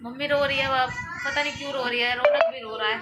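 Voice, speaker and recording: Woman vlogger, high voice, chatty home talk, noisy phone audio. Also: fairly even intonation, fast. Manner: chatty, explains step by step. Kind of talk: casual home vlog talk. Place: family home.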